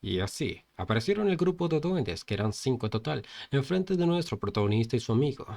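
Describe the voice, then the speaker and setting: A man's voice: medium pitch, big pitch swings, fairly quick, creaky, a little mellow. A young man narrating a comic recap casually, throwing insults at side characters.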